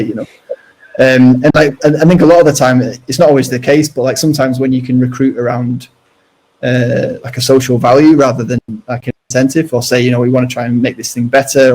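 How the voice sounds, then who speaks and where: A man's voice: mid-range voice, steady tone, darkish tone, low-quality recording. A man speaking as a guest on a webinar, talking casually with a lot of restarts, fillers and hedges. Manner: halting, full of restarts and fillers.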